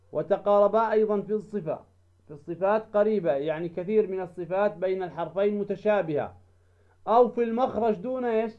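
A man teaching Quran recitation rules, drawing out example words slowly and asking himself questions, then answering them. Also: high voice, highs cut off. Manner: slow, drawn-out demonstration of recited words; asks and answers his own questions. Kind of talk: tajweed lesson.

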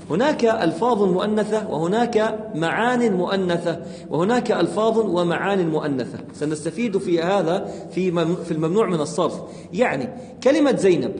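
Grammar teacher, male, high voice, patient and repetitive, echoey classroom with a long reverb tail. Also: a little mellow. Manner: patient, repeats examples and asks the class questions.

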